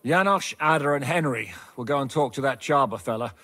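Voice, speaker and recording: A man's voice: mid-range voice, fairly quick, sharp tone, slightly rough. A man voicing a rebel captain briefing his men in a game cutscene, commanding and decisive.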